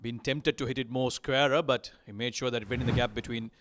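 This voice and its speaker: A man from Sri Lanka with a Sri Lankan accent, giving lively live cricket commentary that rises on big moments. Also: mid-range voice, quick pace, slight background noise.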